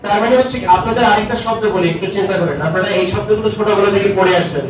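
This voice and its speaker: A man's voice: sits high, rapid-fire, distant mic. Man, classroom lecture, quizzes the students, very echoey room, noisy background. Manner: questions the class, mixes English terms. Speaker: university lecturer.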